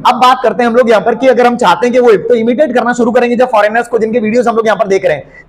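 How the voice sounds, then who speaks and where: Quick, high-voiced man teaching. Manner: lively, urges the class on. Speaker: English teacher. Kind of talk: classroom lesson.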